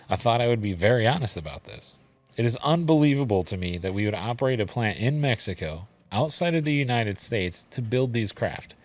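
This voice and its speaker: A man voicing a skeptical male questioner, reading his doubtful questions from a transcript. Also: fairly low pitch.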